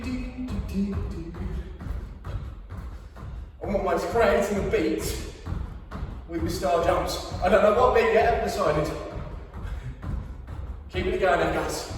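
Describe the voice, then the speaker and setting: A man coaching a home workout, calling out energetic encouragement and counts with casual, jokey chat. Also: sits high. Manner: upbeat, encouraging, energetic call-outs while exercising; jokey, chatty. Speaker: fitness coach leading a home HIIT workout. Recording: very echoey room, distant mic, faint music.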